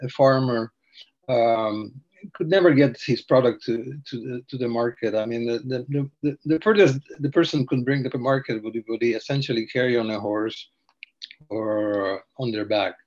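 A man's voice: medium pitch, normal speed, a little mellow, muffled recording. An older man from Slovakia, a podcast guest telling his story in a meandering, hesitant way. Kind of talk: casual interview.

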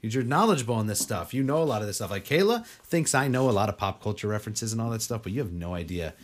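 A man's voice: on the low side, animated, fast talker, a little hiss or hum. A man hosting a podcast in casual chat, rambling with lots of "like" and frequent swearing. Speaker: podcast host.

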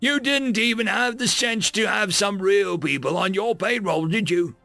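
A man voicing a mysterious hooded avenger in a spoken story, calm and cutting with contempt. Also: sits high, moderate pace, vocal fry, dry recording, faint music behind, voice pushed up, exaggerated voice. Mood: cold.

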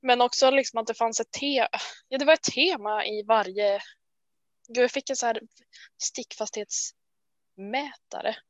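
A woman co-hosting a casual chat, talking in a chatty, self-deprecating way full of quick restarts. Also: fairly high pitch, no echo. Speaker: podcast co-host. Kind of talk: casual chat about knitting.

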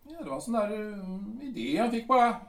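In a Swedish audio drama, a man plays a bitter, aging artillery captain who grumbles and hesitates with lots of ums. His voice is high with big pitch swings, and he sounds far from the mic in a roomy space.

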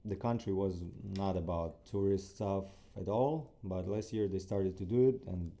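Low, dark-voiced man with Ukrainian accent. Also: moderate pace. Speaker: interview guest, athlete. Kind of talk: casual conversational interview answers.

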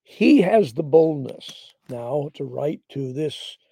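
An older man hosting a devotional Bible teaching broadcast, speaking slowly and reflectively in a rough morning voice, often clearing his throat. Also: fairly high pitch, expressive, mellow, no echo.

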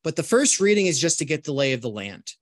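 A man with a slightly high voice gives a casual, animated lecture to his students, thinking aloud with restarts and lively asides. The sound is dry and close, with no room around it. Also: fast talker, no room sound. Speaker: online philosophy course instructor.

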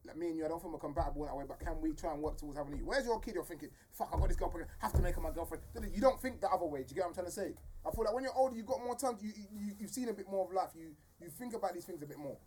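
A man's voice: high-pitched, animated, rapid-fire, hardly any pauses, darkish tone, slightly rough. A man in his twenties with a London roadman accent, giving opinions in casual street slang and often checking he is understood. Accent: London roadman, urban street. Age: 20s.

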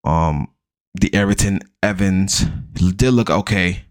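Deep-voiced blunt fantasy football host. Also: male voice, slow pace. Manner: blunt, profane, rattles off stats, mocking hype. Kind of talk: casual profane sports chat.

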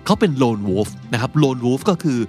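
Lively-voiced male podcast teacher. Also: medium pitch, soft background music. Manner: chatty, explains with slow read-out example sentences. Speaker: podcast host. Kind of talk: casual English vocabulary lesson.

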